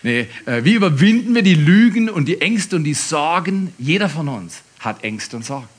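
Preacher, male, husky tone, animated delivery that swings between shouts and whispers. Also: on the high side, moderate pace. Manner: lively, swings from loud emphasis to soft whispers. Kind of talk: sermon.

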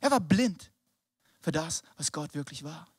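Young male preacher, high register, dry close sound; casual slangy sermon, hushed whispers up to shouts. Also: animated, unhurried, slightly rough, no room sound. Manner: casual slangy German with English words mixed in. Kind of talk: lively youth sermon.

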